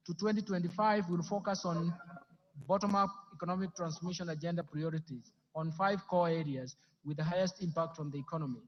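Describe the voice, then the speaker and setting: A man with a Kenyan accent giving a formal budget speech, heard as television audio playing in a room. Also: high voice. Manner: steady, measured delivery of figures. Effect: television audio heard through a room. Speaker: government speaker delivering budget. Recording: distant, roomy, dull TV sound from far off.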